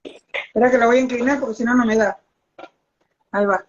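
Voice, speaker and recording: Mujer argentina aguda, audio de teléfono apagado. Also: female voice, on the high side, fairly even intonation. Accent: Argentine Spanish. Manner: chatty, talks in quick asides. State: overheated from the heat. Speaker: guest biologist and ecologist. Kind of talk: casual live video chat. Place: hallway at home beside the router. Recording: lo-fi phone audio.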